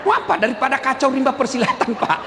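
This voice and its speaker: Animated joking preacher in a reverberant hall. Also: male voice, extremely high pitch, fast talker, crowd noise, background noise. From Indonesia. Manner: joking, teasing the audience, acting out little scenes with husbands and wives. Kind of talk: humorous sermon to a live congregation.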